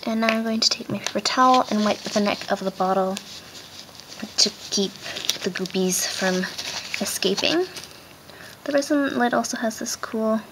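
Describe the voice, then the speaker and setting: Speaking from behind a face mask that muffles her, a woman explains a craft step by step while doing it, her voice a little high and her pace moderate. You can clearly hear background noise and handling clicks in this casual tutorial.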